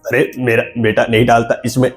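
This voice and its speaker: A woman's voice: very deep voice, level tone, moderate pace, soft background music, voice pushed down. A woman voicing a nosy, scolding old father-in-law who stammers indignantly.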